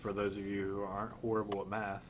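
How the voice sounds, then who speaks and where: A man's voice: lowish voice, completely flat delivery, fast talker, heavy background noise. A man running a tabletop role-playing game as the game master.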